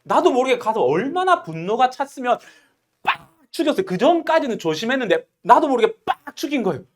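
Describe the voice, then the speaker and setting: A woman's voice: fairly high pitch, brisk. A woman teaching literature in an online exam-prep lecture, explaining animatedly and asking questions. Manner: animated, explaining with acted quotes.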